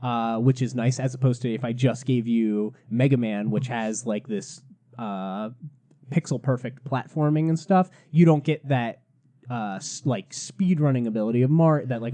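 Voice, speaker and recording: A young man hosting a casual gaming podcast, chatty and quick to laugh, steering the talk from topic to topic. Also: mid-range voice, mellow. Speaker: podcast host. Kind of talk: casual chat.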